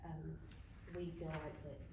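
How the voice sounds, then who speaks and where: A woman informally explaining figures at a meeting as a staff member, in a halting, explanatory way. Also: deep voice, level tone. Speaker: county staff member presenting salary figures. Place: indoor meeting room, far from the mic. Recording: distant echoey room recording, clear background noise.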